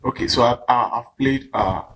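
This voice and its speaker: A young Ghanaian man, a footballer and coach, telling his story in a halting casual interview and repeating his phrases. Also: medium pitch, fairly bright tone, a little hiss or hum, low-quality recording.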